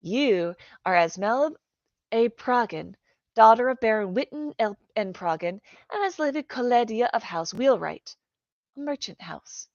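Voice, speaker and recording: A woman voicing a brisk, kind and stubborn young noble girl, talking in a firm, proper way. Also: a little high, animated, a little mellow, no room sound, pitched above the performer's own voice. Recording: dry, dull lo-fi recording.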